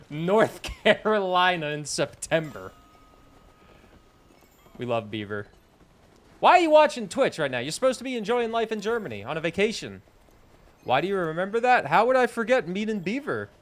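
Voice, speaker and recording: A man's voice: sits high, normal speed, pauses often. A man in his twenties from New England, chatting casually with his live-stream chat while playing a game. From New England, United States. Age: 20s. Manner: animated, chatty, reads and answers chat.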